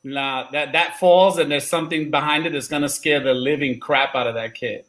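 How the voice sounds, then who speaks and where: A man who is a guest comedian in a casual chat, animated and acting out quotes. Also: fairly high pitch, moderate pace.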